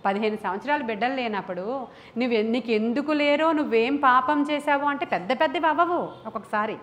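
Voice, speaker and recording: A woman's voice: on the high side, animated, fast talker, fairly bright tone. A woman pastor preaching to a congregation in a church, impassioned and emphatic, full of rhetorical questions and repeated phrases. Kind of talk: sermon.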